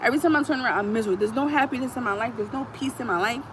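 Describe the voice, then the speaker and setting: A woman with a high voice talks straight to her phone, blunt and profane, repeating lines to drive them home. She records outdoors, and traffic and street noise run clearly under her voice. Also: racing, rough recording. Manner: animated, repeats lines for emphasis. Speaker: vlogger. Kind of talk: casual monologue to camera.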